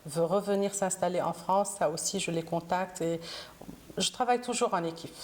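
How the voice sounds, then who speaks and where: A woman's voice: fairly low pitch, moderate pace, a little hiss or hum. A middle-aged woman from Lebanon, guest in an interview, answering hesitantly with many fillers. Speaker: interview guest, consular councillor.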